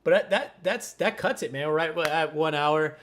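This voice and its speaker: A man's voice: fairly high pitch, a bit bright. A man hosting a casual sports podcast, easygoing and steering the conversation. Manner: quick, easygoing, steers the show. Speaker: podcast host.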